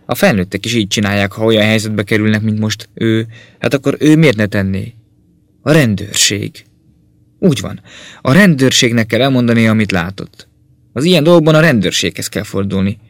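A man narrating an audiobook in a calm, measured reading voice. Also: on the low side, dry recording.

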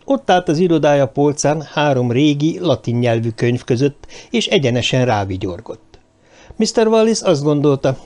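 A man narrating an audiobook with expressive storytelling. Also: mid-range voice. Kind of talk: scripted narration.

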